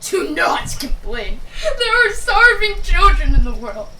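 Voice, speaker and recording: A woman's voice: very high-pitched, sing-song, unhurried, pushed and bright, exaggerated voice. A woman playing a dramatic, dryly teasing talking door in a children's stage musical, with a theatrical manner. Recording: noisy stage recording with clicks.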